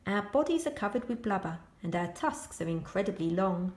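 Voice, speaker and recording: A woman's voice: medium pitch, lively intonation, brisk, reverberant, lightly acted. A woman voicing a grumpy, proud walrus from a children's storybook, in a boastful manner.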